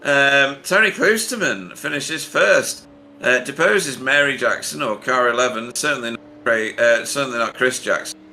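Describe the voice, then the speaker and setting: A man's voice: mid-range voice, normal speed, vocal fry, bright, forceful tone, faint music behind. A man commentating on a sim race, chatty and jokey, reading out results with frequent laughs.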